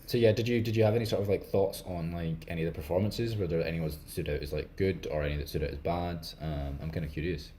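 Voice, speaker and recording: A Scottish man with a very low voice talks casually on a podcast. He pauses and restarts often, scattering fillers through his sentences. A faint hiss sits under the recording. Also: steady tone, warm tone. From Scotland. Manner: hesitant, many fillers and restarts. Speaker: podcast co-host. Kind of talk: casual film discussion.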